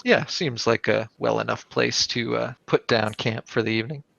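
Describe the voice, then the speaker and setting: A man narrating a tabletop game as game master, in a relaxed storytelling way. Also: mid-range voice, moderate pace, creaky, dry recording, muffled recording.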